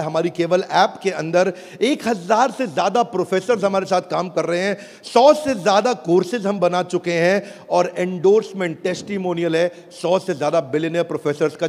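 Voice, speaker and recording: A man giving an energetic motivational business speech to a live audience, rallying the crowd. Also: sits high. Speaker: business speaker pitching an app. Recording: echoey hall with crowd noise.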